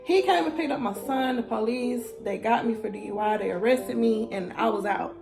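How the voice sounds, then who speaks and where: A young woman vlogger telling a personal story in a casual, animated way, often calling out to her viewers. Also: fairly high pitch, moderate pace, vocal fry, music in the background. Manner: animated, addresses viewers as y'all.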